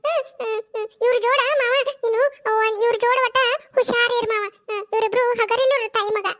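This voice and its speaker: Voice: extremely high pitch, fairly even intonation, fairly quick, a bit bright. A performer voicing a quarrelsome, accusing young daughter-in-law in a cartoon. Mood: pleading. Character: sulky, sharp-tongued young daughter-in-law.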